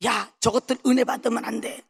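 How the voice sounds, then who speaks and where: A woman's voice: a little high, fairly even intonation, a little fast, gravelly, breathy edge, voice pushed down, exaggerated voice. A woman preacher voicing a sneering evil spirit that mutters scornfully and hurriedly in a sermon story.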